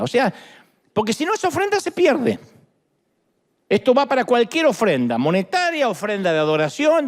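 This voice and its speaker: Animated joking Argentine preacher man. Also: high voice. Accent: Argentine Spanish. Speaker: pastor. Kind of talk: sermon.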